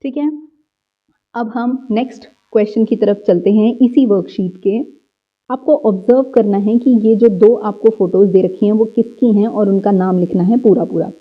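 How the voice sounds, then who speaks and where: A woman teaching young children a worksheet lesson, going slowly, repeating words and answering her own questions. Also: medium pitch, smooth. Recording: slightly dull, lo-fi audio.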